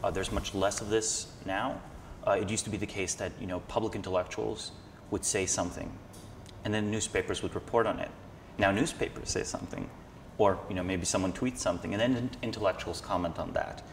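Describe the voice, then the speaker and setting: Recorded in an echoey hall with noise in the background, this interview guest, a Slovenian man around thirty, lays out his ideas thoughtfully and analytically in conversation. His voice is low-pitched with fairly even intonation, and he speaks a little fast.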